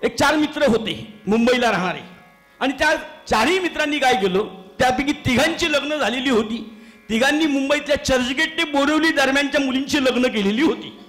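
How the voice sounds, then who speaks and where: Faint music plays behind a man whose very high voice moves a little fast. He's a Maharashtrian kirtan preacher entertaining listeners live in a temple hall with a comic story sermon, turning to the audience directly and chuckling at his jokes.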